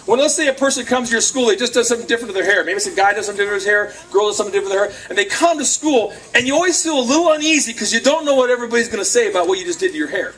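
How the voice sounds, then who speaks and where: A man giving a lively youth sermon, acting out quotes and laughing often, recorded on a camcorder from across the room. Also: high voice, very fast, few pauses. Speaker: youth speaker. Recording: distant camcorder sound, faint crowd.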